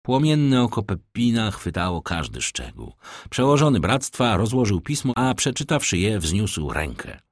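Husky, lively male storyteller. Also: on the low side, normal speed, few pauses, no echo, clean studio sound. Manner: expressive, dramatic storytelling. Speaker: audiobook narrator. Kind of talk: scripted narration of a classic novel.

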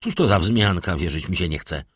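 A man's voice: sits low, lively intonation, a little fast, slightly rough, dry recording, studio quality. A man voicing a wry, easygoing newspaper editor in an audiobook, jovial and ironic. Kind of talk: audiobook character voice.

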